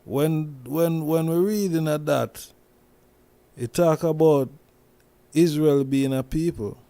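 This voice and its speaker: A Jamaican man hosting a loose commentary monologue, speaking slowly with a mellow, warm tone. He circles back on his words, restarts and repeats phrases often. The sound is dry and close. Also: on the high side, no room sound. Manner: slow, repetitive, with many restarts and "you see me?". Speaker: host.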